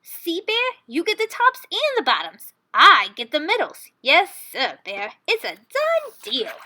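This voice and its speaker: A woman's voice: very high-pitched, huge pitch swings, a little slow, sharp tone, pitched above the performer's own voice, full character voice. A woman voicing an eager, crafty male hare, persuasive and chirpy, in a read-aloud storybook. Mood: brightly triumphant. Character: eager, crafty male hare neighbor, smooth-talking schemer.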